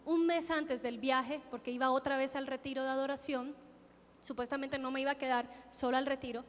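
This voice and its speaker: A woman's voice: high-pitched, fairly even intonation, a little fast. A woman from Colombia, giving a sermon testimony and acting out her own prayers and conversations as she tells them. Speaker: preacher. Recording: long reverb of a large hall.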